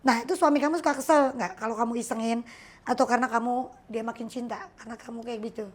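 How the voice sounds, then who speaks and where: Teasing high-voiced woman host. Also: fairly even intonation. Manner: teasing, laughs often, quick reactions. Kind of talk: casual interview chat.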